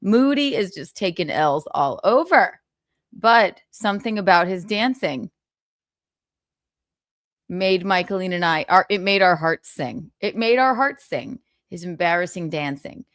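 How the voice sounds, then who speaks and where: A woman's voice: lowish voice, expressive, unhurried, fairly bright tone, dry recording, clean studio sound. A woman hosting a casual gossip livestream, chatting in a sassy, theatrical, giggly way. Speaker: live stream host.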